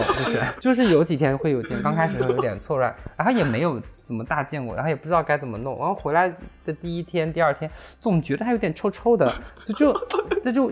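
A man who is a guest on a casual podcast chat, telling lively stories and acting out what he said. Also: a little high, rapid-fire, few pauses, slightly rough. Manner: animated storyteller, acts out his own lines; laughs while telling stories.

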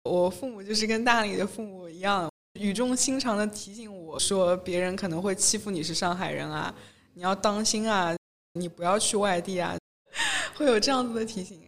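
A woman's voice: medium pitch, lively intonation, moderate pace. A woman from Shanghai in casual podcast chat, telling candid, self-mocking stories about herself. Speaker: government office worker.

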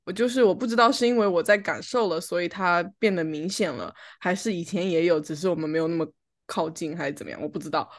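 A woman's voice: fairly low pitch, quick pace. A woman chatting casually at home as a podcast co-host, telling a personal story and acting out the lines of an argument. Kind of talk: casual chat.

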